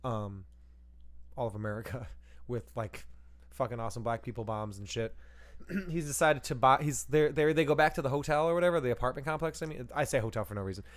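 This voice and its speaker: A man's voice: medium pitch, brisk. A man co-hosting a podcast, chatting casually and profanely about a movie, rambling and laughing as he acts out bits. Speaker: podcast co-host. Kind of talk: casual movie review chat.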